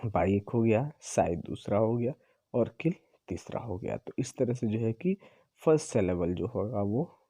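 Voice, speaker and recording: A man teaching an exam-prep lesson, explaining slowly and repeating himself as he corrects his own slips. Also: lowish voice, animated, dark tone, husky, dry recording, clean studio sound. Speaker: English teacher.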